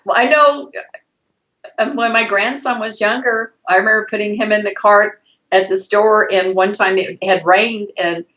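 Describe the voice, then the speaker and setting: A woman's voice: medium pitch, fairly even intonation, moderate pace, fairly bright tone, rough recording. An older woman, a client in a healing session, talking through memories in a rambling, hesitant way and often breaking into laughter.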